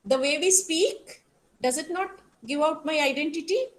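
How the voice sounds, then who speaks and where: A woman lecturer speaks in a fairly high voice with a strong South Indian accent. She teaches interactively online, working through explanations in a halting way and often turning to her students with questions. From Karnataka, South India. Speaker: college teacher.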